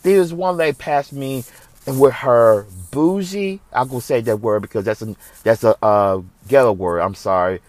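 A man's voice: medium pitch, moderate pace, darkish tone, dry recording. A man from the United States hosting a religious commentary show, speaking in an impassioned, preachy way that repeats phrases for emphasis.

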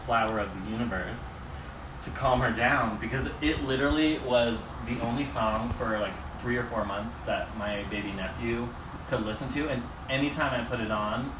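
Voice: medium pitch, moderate pace. A podcast host in casual chat, chatty and rambling, laughing easily. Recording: roomy, distant mic with noise.

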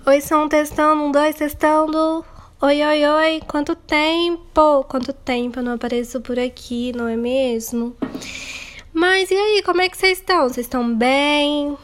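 Young Brazilian woman, high voice, confessional podcast host, candid and rambling, self-mocking. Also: moderate pace, slight background noise. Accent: Brazilian Portuguese. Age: young adult. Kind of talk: casual confessional monologue.

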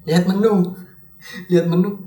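A young man with a Javanese-tinged Indonesian accent and a high, light voice talks loosely in a casual podcast chat. He tells stories animatedly, with laughter breaking through. The sound is echoey and roomy. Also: normal speed. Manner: animated storyteller, laughs while telling. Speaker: podcast host. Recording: echoey room.

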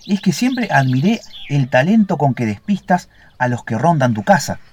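A man's voice: on the high side, very animated, normal speed, a little mellow, no echo. A man voicing a young, earnest and somewhat timid male ovenbird in a storybook fable.

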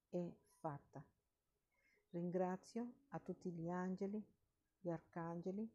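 A woman leading a guided meditation with recited affirmations in a soft, breathy voice, pausing between short phrases. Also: on the low side.

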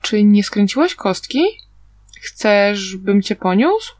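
A woman reading a calm, kind young male cultivator in a low, quiet, grave tone. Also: takes it slowly, no room sound. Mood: gentle.

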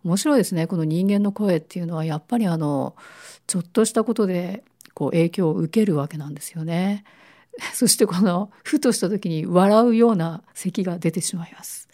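A woman hosts a casual radio talk in a fairly low, very mellow voice. It is hoarse, with a smoker's rasp from a lingering cold. Her phrasing is polite and unhurried by formality. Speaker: radio show host.

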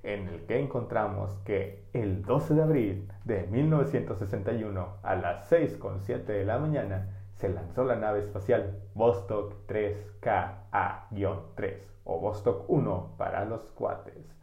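A man's voice: lowish voice, unhurried, hardly any pauses, mellow. A man hosting a comic history podcast with a Mexican Spanish accent, playful and jokey. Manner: playful, jokey, breaks into bits. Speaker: podcast host. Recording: echoey room.

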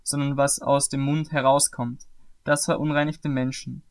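A man reading aloud and voicing a male religious teacher who speaks calmly and with authority, in a measured, earnest way. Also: medium pitch, smooth, lightly acted. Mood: stern. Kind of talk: scripted scripture reading.

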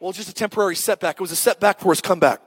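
A man in his thirties delivers a sermon in a very high voice. He is joking and punchy, and he calls out to the congregation. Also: racing, slightly rough. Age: 30s. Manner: joking, punchy preaching with call-outs to the crowd. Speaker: pastor.

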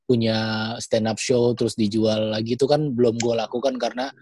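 A man speaks with a mellow, husky tone, relaxed and reflective with a few halting pauses. His sound is dry and close. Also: medium pitch, no echo. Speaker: stand-up comedian and TV performer. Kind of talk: casual panel chat.

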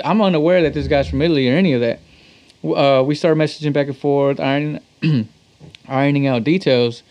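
A Texan musician and producer with an American accent chats casually as an interview guest, telling stories in a slangy, relaxed way and swearing a bit. His voice is medium in pitch with a darkish tone.

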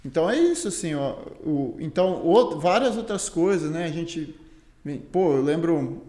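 A man's voice: on the high side, lively intonation, moderate pace, mellow. Slangy Brazilian man, roomy echo. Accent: Brazilian Portuguese. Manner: slangy, peppered with "cara" and "né". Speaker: guest, Muay Thai fighter and teacher. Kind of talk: casual storytelling chat. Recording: roomy, echoey sound.

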